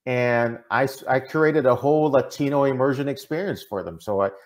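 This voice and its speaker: Speaking at a medium pitch and a little fast, this middle-aged man from Minnesota talks as an interview guest and diversity consultant. His answers are earnest and conversational, dotted with "right?" in American Midwest fashion. He's on a video call indoors, captured by the call mic.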